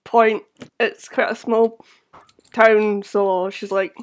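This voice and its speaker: A woman acting as game master, improvising narration for a tabletop game in halting phrases. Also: medium pitch, level tone, smooth.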